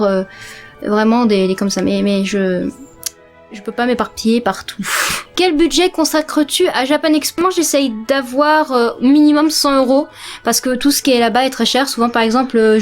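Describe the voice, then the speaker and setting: A girl in her late teens chats to the camera from her bedroom, her voice a touch high. She talks loosely and hesitantly, stopping often to search for words. Soft music plays faintly underneath. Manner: chatty, hesitant, many fillers. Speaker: vlogger. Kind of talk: casual vlog chat.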